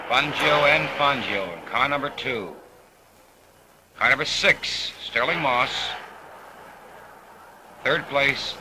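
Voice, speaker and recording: A man narrating race footage on an old 1950s film soundtrack, relaxed and dropping wry asides. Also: mid-range voice. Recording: hissy, noisy vintage film recording.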